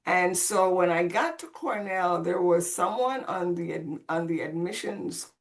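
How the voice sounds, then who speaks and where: A gravelly, expressive voice on the low side, unhurried in pace, belongs to a Caribbean woman telling her life story conversationally as a podcast guest. She was born on Saint Croix and raised in Puerto Rico, speaking Spanish.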